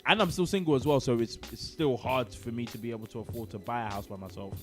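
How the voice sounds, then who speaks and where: A man's voice: mid-range voice, fast talker, faint music behind. Young man chatting in slang. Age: 20s. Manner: relaxed slang-heavy banter. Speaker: podcast co-host. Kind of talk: casual chat.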